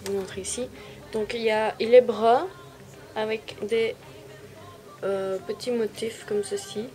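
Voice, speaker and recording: A woman's voice: fairly high pitch, fairly even intonation, a little slow, mellow, faint music behind. A woman, casually showing and explaining her things to viewers in an easygoing, self-deprecating way. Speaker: vlogger. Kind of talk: casual show-and-tell.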